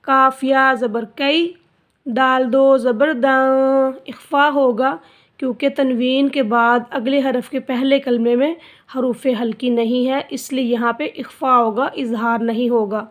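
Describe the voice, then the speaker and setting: A woman teaching Quran recitation, spelling out letters and vowel marks, then drawing out each word slowly for the learner. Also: sits high, steady tone. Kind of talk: slow spelled-out recitation lesson.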